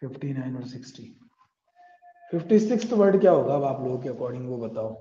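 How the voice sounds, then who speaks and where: A male teacher with an Indian accent, giving an online class and urging his students to answer quickly, mixing Hindi with English. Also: mid-range voice, animated, warm tone. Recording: dull echoey room sound.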